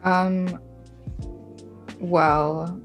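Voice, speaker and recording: A young woman from Bangladesh, an artist and writer, speaking thoughtfully and softly in a casual interview with fillers and small laughs. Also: on the low side, flat delivery, drawn-out words, soft background music. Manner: thoughtful, soft-spoken, with frequent fillers and light laughs.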